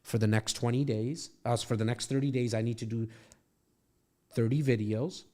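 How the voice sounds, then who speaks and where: The voice is medium in pitch, steady and darkish, moving at a moderate pace. It belongs to a middle-aged podcast host and real estate coach who mentors a guest casually from his home studio with a brash, profane pep-talk style.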